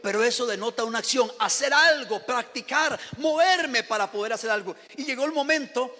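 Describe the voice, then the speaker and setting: A man's voice: very high voice, brisk, pushed and bright. A male pastor from Costa Rica giving a Sunday sermon, speaking directly to the congregation and asking them to repeat after him. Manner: addresses the congregation directly with questions and calls to repeat. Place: church sanctuary. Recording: church hall reverb.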